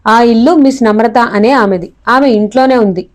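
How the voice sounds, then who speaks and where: A woman's voice: fairly high pitch, moderate pace, close to an everyday voice. A woman reading as a defensive police inspector. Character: police inspector man, defensive, reporting back.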